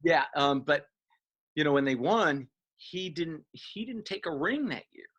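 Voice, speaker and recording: A man, talking as an interview guest and reminiscing in a halting way, with many fillers and restarts. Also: a little high, expressive, fairly bright tone, dull audio. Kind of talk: casual interview.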